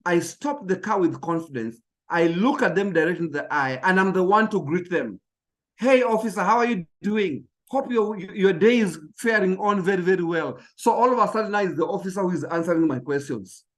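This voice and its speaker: A man with a high voice delivers a motivational talk on public speaking. He speaks emphatically, hammering on key phrases and often tripping over small words as he pushes on.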